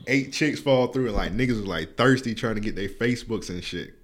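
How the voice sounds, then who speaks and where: A man's voice: on the low side, brisk. A man hosting a podcast, chatting loosely with lots of slang and filler words. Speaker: podcast host. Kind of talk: casual interview chat.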